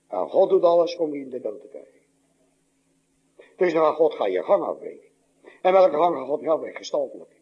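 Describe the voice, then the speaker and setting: A male preacher delivering a sermon, swinging between loud exclamations and hushed low asides, with a husky voice. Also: big pitch swings, fairly quick, long pauses. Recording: dull lo-fi recording.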